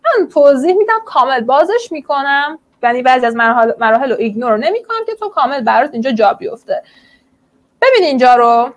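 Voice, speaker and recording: High-voiced woman teaching online chemistry. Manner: encouraging, explains step by step, colloquial.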